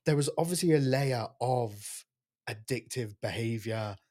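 A man's voice: medium pitch, measured pace, a little mellow. A man interviewing a podcast host, asking casual questions packed with fillers like "like" and "kind of". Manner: loose, filler-heavy questions with many likes and kind-ofs. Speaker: guest interviewer.

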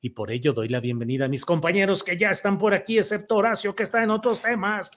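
A man's voice: high-pitched, fast, a bit bright. A man with a Mexican accent hosting a talk show, chatting and introducing his panel. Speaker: host.

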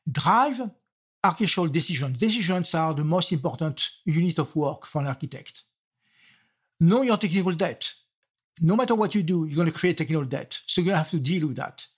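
An older French-accented software architect answers questions as a podcast interview guest, laying out concepts point by point and often restarting. His voice is fairly high, animated, brisk, and slightly rough.

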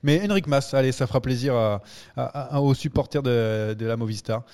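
Male podcast host, mid-pitched, chatty and hesitant. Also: moderate pace, darkish tone. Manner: hesitant, many fillers and restarts. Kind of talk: casual chat.

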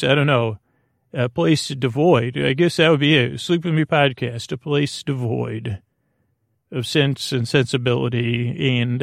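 Hoping to lull listeners to sleep, this podcast host rambles through a bedtime story in a soothing, softly goofy manner. His mid-range voice creaks gravelly as he halts, drifts off mid-word and loops back, recorded with studio quality and no room sound.

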